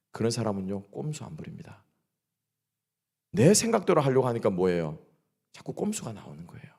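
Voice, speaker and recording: A pastor preaches a sermon at a midweek service in a church sanctuary, repeatedly posing questions to the congregation and answering them himself. His male voice is mid-range and a little mellow, with vocal fry and a breathy edge.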